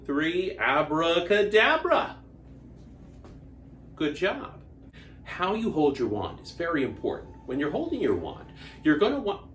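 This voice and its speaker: Animated kids' party magician, lively swooping pitch. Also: reverberant. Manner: kids' party magician: exclamatory, coaxing, playful call-and-response. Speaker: children's magician and show host. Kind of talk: interactive kids' party magic show for camera.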